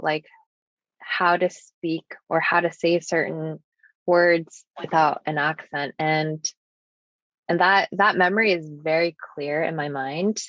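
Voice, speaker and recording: A deep yet fairly bright-toned voice belongs to this young American woman whose first language is Japanese. As a podcast guest she speaks in an earnest, thoughtful way with many casual fillers, reflecting on personal topics. There's no room sound, and the recording is dull and lo-fi.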